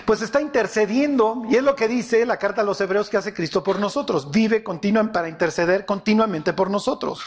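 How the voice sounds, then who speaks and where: A man preaching a sermon, animated and often quizzing his audience with questions. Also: high voice, brisk, few pauses, slight background noise.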